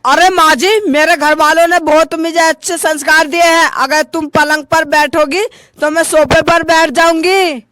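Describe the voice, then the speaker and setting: A man voicing a sharp, prim young daughter-in-law in a comic sketch. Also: very high-pitched, fairly even intonation, moderate pace, no room sound, clean studio sound. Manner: prim, insistent.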